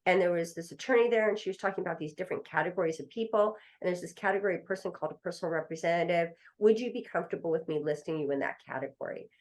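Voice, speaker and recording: Woman, middle-aged, attorney guest, podcast storytelling, acts out quoted voices, slightly low voice. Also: rapid-fire, hardly any pauses, darkish tone. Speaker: estate planning attorney guest.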